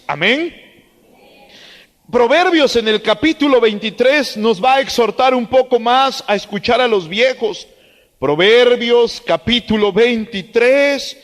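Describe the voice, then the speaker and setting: A young preacher, telling stories and urging his listeners in a high voice. His sermon carries a long hall reverb. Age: young adult. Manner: earnest, storytelling, exhorting.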